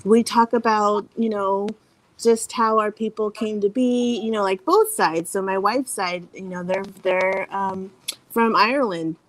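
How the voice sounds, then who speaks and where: A woman raised in the Philippines, whose first language is Tagalog, joins a casual panel conversation as a guest parent over a video call from a hotel room. She speaks earnestly and reflectively at a measured pace in a mid-range voice, sprinkling in lots of "you know." The recording is rough.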